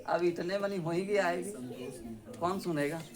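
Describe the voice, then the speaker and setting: A male teacher, running a spelling lesson in a classroom. He drills his pupils with quick questions, and he scolds and teases them. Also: sits high, steady tone, crowd noise.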